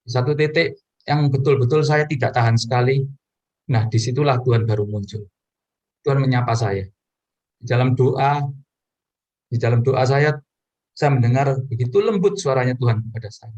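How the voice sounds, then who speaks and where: A man's voice: normal speed, long pauses, a little mellow, dull audio. A man preaching in a personal testimony, telling his story earnestly to the congregation and addressing them directly. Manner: earnest storytelling with sudden pitch rises.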